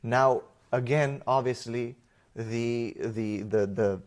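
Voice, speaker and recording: A man who grew up in Romania, a guest in an interview, telling his personal faith story in an animated way with fillers and restarts. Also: medium pitch, very slow. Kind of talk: conversational personal testimony.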